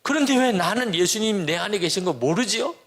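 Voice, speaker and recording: A distraught teenage girl cries out in a pleading, raised voice, as a man puts her on in a sermon. The voice rides high and gravelly. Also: expressive, fairly quick, fairly bright tone. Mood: anguished. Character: distraught teenage daughter crying out her doubts.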